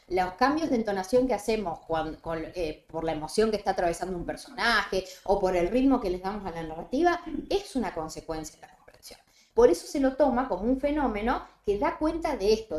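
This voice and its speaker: A woman with a Rioplatense Spanish accent giving a seminar lecture, explaining step by step and often checking with a quick "¿sí?". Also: fairly high pitch, a little mellow. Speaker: lecturer on reading fluency. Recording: roomy echo.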